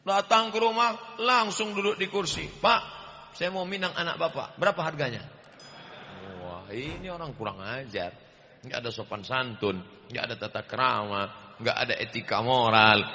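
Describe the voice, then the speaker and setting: Man, preacher, booming, sharp bright voice, reverberant mosque hall. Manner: loud, booming, playful voices. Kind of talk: humorous sermon. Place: large mosque with crowd. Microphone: handheld microphone. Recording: reverberant hall, slightly dull sound.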